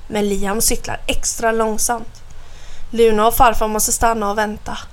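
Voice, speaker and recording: A woman narrating a children's audiobook with clear, expressive storytelling. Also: fairly high pitch.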